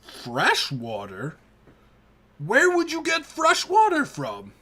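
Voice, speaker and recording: A man voicing a gruff old blind male orc hermit in a tabletop game, speaking in a halting, blunt way. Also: very high-pitched, wildly swooping pitch, pushed and bright, pitched above the performer's own voice, full character voice. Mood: halting, puzzled. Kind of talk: tabletop role-play.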